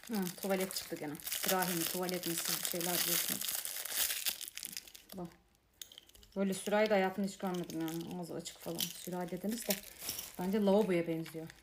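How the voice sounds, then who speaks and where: A woman's voice: lowish voice, fairly even intonation, brisk, long pauses, noisy background. Grumbling woman unboxing toys at home. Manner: grumbling, exasperated, chatty. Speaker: unboxing vlogger. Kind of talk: casual unboxing chat to viewers. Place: apartment room.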